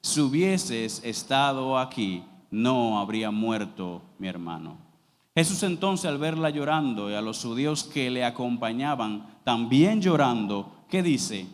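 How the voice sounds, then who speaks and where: A man preaching a sermon as pastor, reading scripture aloud slowly and then explaining it with rising emphasis. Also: mid-range voice, animated. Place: church sanctuary. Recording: long reverb of a church hall.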